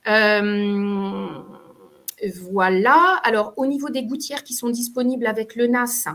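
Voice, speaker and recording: A woman's voice: a little high, slow, fairly bright tone, slight background noise. A woman presenting in an online webinar, explaining step by step with frequent fillers and restarts. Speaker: occupational therapist presenter. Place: webinar call.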